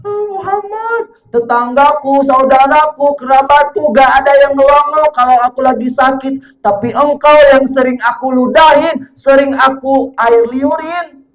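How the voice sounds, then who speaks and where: A man's voice: very high-pitched, unhurried, voice pushed up. A man voicing a sick, spiteful neighbor who sneers and later weeps. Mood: weeping. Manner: sneering, then sobbing. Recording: echoey room, faint music.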